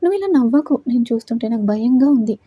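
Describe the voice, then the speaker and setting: A woman's voice: a little high, animated, fast, husky, no echo, narrow, tinny audio. A woman voicing a distraught young woman who tearfully begs her friend, in a storybook reading. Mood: pleading. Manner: tearful, pleading.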